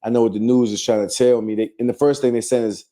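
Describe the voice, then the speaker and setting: Blunt profane man, dark voice. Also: mid-range voice, fairly even intonation, fast talker. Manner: blunt and profane, rambling with fillers. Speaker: podcast host. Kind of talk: casual chat.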